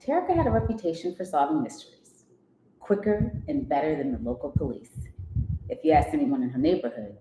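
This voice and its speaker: Woman co-host, low voice, animated aside-heavy reading, faint background hum. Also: a little fast, echoey room, low-quality recording. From Columbia, Maryland. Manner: animated, joking, interrupts to critique. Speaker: podcast co-host. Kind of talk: reading a story aloud with commentary.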